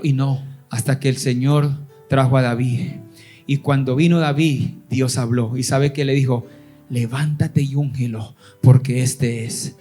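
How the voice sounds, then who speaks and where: Pastor, male, high-pitched, preaching a sermon with emphatic, stretched phrases; faint instrumental music underneath. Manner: preaching with emphatic rises and drawn-out lines, then softer storytelling.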